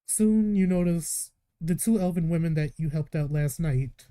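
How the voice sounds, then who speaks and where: A man narrating a live tabletop game as game master, telling the story calmly and slipping into short in-character lines. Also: fairly high pitch, moderate pace, clean tone. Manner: calm storytelling with in-character asides.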